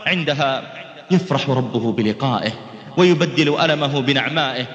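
A man preaching and telling a story in a dramatic, rhythmic style with sweeping swings in pitch. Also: brisk, highs cut off. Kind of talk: sermon storytelling. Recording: reverberant hall.

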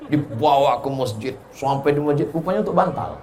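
A man preacher giving a humorous religious lecture, animated and joking, often slipping into chuckles. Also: mid-range voice, brisk, background noise. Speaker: Islamic preacher.

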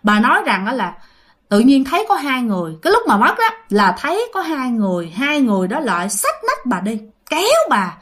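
A woman's voice: a little high, huge pitch swings, fairly quick, a bit bright. Chatty Southern Vietnamese woman storyteller. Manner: chatty, repeats phrases, addresses listeners directly. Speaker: ghost story host. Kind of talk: casual spoken storytelling.

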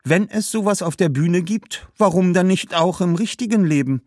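A woman's voice: fairly low pitch, moderate pace, a little mellow, dry recording, clean studio sound, pitched above the performer's own voice, natural voice. A man voicing Herodias, a weary Roman woman who meets news with disbelief. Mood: skeptical. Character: skeptical, weary Roman woman, quick to sigh.

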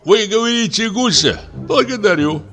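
A man's voice: high voice, animated, normal speed, fairly bright tone, faint music behind, voice pushed up. A man voicing an old, hard-of-hearing retired naval captain who mishears and blusters. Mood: reminiscing. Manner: mishears, then blusters indignantly.

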